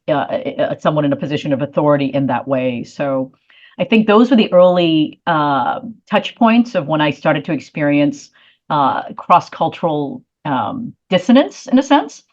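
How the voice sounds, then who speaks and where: A woman's voice: low-pitched, animated, measured pace, highs cut off. A woman from South Korea answering interview questions thoughtfully, with frequent fillers and restarts. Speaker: guest, leadership consultant.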